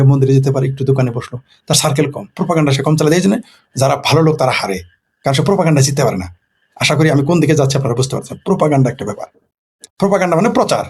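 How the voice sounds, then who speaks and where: A man's voice: a little high, husky. A man from Bangladesh, a political commentator in a casual late-night monologue who poses rhetorical questions and answers them himself.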